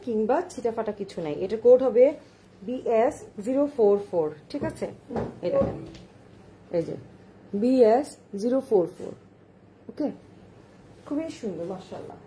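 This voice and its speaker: A woman's voice: a little high, warm tone, slight background noise. A woman showing shawls on a live stream, chatty, repeating herself and urging viewers to look closely, slipping English words into her speech. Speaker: online shawl seller. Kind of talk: live-stream product showcase.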